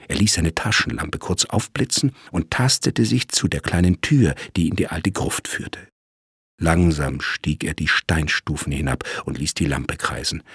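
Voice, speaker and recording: A man narrating a crime story in a lively storytelling manner. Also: low-pitched, slightly rough, no echo, studio quality.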